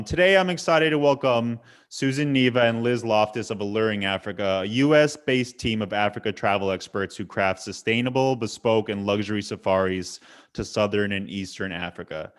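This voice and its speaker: A man hosting an online webinar interview, framing long loose questions and often repeating words as he goes. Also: lowish voice. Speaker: webinar host.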